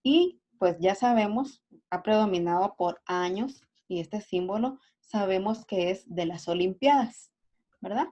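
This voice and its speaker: A woman teacher explains a review lesson point by point. Her voice is warm and mellow, and she keeps checking in with her students. The recording sounds dull and lo-fi. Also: medium pitch, unhurried. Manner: explains step by step, often asks "¿verdad?" and "¿sí?".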